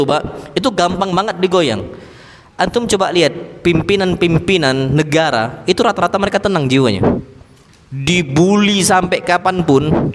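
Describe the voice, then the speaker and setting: A male preacher with a high voice delivers a lively, joking mosque sermon. He keeps tossing rhetorical questions to the congregation, and his voice carries a long echo through the hall.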